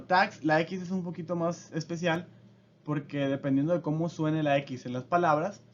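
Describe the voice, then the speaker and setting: Guy teaching a lesson, keeps checking in with listeners, kinda high voice, muffled lo-fi audio. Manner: explains step by step, often checks in with the listener. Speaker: language teacher. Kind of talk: casual spoken lesson. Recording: dull lo-fi audio.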